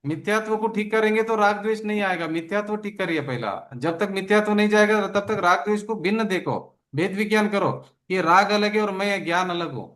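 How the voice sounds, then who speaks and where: Higher-voiced man teaching, emphatic and repetitive. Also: brisk, few pauses, a bit bright. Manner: emphatic, repeats phrases over and over. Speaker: religious teacher. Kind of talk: explaining a text in an online study session.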